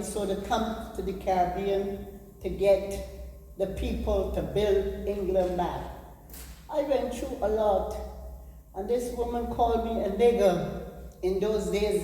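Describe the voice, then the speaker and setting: An older woman from Barbados with a Barbadian accent, telling her story to an audience in a blunt, forceful way. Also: medium pitch, slight background noise. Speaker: audience member sharing a story. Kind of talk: spoken recollection. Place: large echoey church hall. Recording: distant voice in echoey hall.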